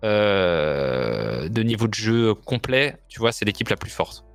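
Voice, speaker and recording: Lowish-voiced man casually analysing esports. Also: takes it slowly, vocal fry, soft background music. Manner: informal, explanatory, emphatic repetition.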